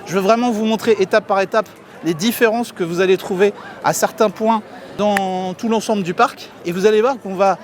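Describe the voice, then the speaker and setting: A middle-aged man chatting to viewers as his friends while walking through a theme park for his vlog, filmed on a handheld camera. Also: high voice. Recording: outdoor crowd and faint music behind.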